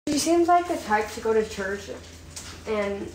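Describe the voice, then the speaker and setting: A woman's voice: on the high side, lively intonation, measured pace. Young woman in an echoey, noisy room. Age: young adult. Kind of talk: casual, slangy conversation. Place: indoors, home kitchen.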